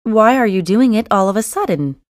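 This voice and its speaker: Expressive woman in test dialogues. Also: mid-range voice, brisk, no echo. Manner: bright, clearly enunciated conversational reading. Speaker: listening test voice actor. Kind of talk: scripted test dialogue reading. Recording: dry studio recording.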